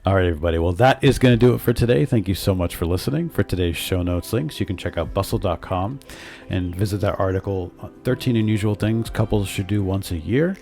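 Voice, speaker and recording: Male co-host, deep gravelly voice, casual home podcast, faint music under. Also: quick pace, hardly any pauses, darkish tone. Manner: earnest, argues his point, reads plugs upbeat. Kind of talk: casual chat with partner. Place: home room with sleeping dogs.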